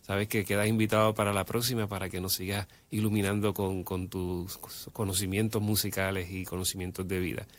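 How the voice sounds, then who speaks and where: Low-voiced man, radio host, affirming interviewer. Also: level tone, brisk, hardly any pauses. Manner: affirming, with short backchannels.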